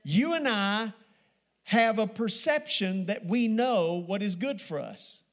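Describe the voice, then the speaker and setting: High-voiced preacher man in a sermon. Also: animated. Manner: preaching with rising emphasis and repeated phrases; slows down to stress scripture phrases. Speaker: pastor. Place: church sanctuary.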